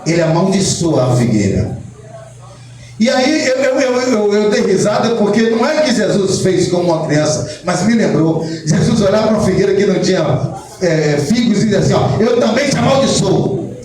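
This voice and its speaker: A Brazilian pastor preaching a sermon with lively energy, swinging from quiet storytelling to shouted appeals and acting out the voices in his stories. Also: sits high, normal speed. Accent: Brazilian Portuguese. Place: church hall. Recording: echoey church hall, mic at a distance, music behind.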